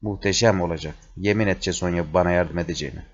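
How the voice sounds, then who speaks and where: Man voicing a mad tyrant emperor, furious, commanding, very low voice, dull lo-fi sound. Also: quick pace. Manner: shouting, commanding reading. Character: raging mad young male Roman emperor. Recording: dull lo-fi recording.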